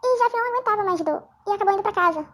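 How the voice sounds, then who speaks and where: A squeaky, pitched-up chipmunk voice from a man whose speech has been sped up, chattering through a playful story. It sits extremely high and races along at a quick clip. The delivery stays jokey and self-mocking, like a narrator goofing around. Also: a bit bright.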